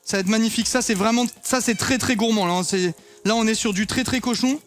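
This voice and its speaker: A man's voice: high-pitched, fast. A young man chatting casually to viewers while cooking in his home kitchen, swearing now and then. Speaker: streamer cooking on stream. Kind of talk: casual live cooking chat.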